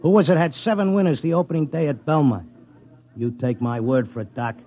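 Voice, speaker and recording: A male actor voices a lovesick, stubborn Broadway handicapper for a 1950s-style radio drama, narrating in the first person and playing dialogue with a New York accent and colloquial, slangy tough-guy speech. His insistent delivery is brisk, slightly high and close to an everyday voice. Music plays behind a dull vintage radio recording.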